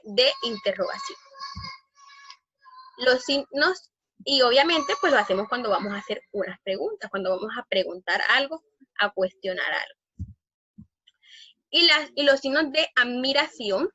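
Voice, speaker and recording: A woman teaching a grammar lesson in an emphatic way, often pausing on fillers and restarting phrases. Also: medium pitch, bright, forceful tone, no room sound, highs cut off.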